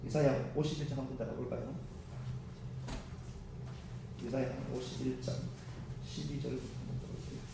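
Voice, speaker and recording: A male pastor with a Gyeongsang accent preaching a sermon, animated and joking directly with the congregation. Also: medium pitch, fast, creaky, noisy background. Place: church sanctuary. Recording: echoey church hall from far off.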